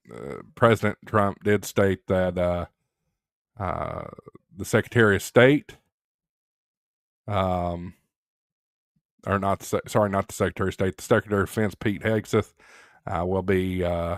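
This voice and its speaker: A man's voice: low-pitched, no echo, clean studio sound. A man hosting a casual live stream, chatting loosely with many fillers and reading viewer comments aloud.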